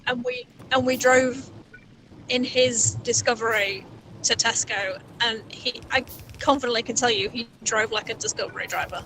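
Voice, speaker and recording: A woman's voice: on the high side, fairly even intonation, moderate pace, background noise. A young woman in her early twenties chatting casually on a live stream from a moving car over a voice call, rambling, swearing and laughing often. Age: early 20s. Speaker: stream co-host. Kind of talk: casual chat. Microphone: Discord voice call.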